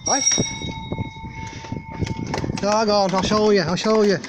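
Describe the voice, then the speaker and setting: Mum type, casual, short repeated instructions, heavy noise on handheld phone audio. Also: female voice, mid-range voice, steady tone, slow pace. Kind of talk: casual chat while filming. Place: old mine site, in and out of stone buildings. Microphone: handheld phone camera. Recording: very noisy handheld phone recording.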